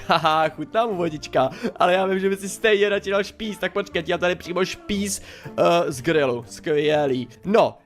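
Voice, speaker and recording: A young man chatting excitedly through a game as a YouTuber, exclaiming and mildly swearing as he plays. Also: high voice. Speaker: gaming YouTuber. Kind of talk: casual game commentary.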